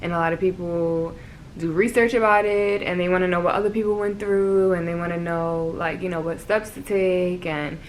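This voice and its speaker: A young woman with a New York accent talks casually to her vlog audience, rambling through her thoughts with plenty of "like" and "you know." Her voice sits a touch low, and there is a faint noise under the recording. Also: fairly even intonation, normal speed, rough recording. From Brooklyn, New York. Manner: rambling, filler-heavy, laughs often. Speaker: vlogger.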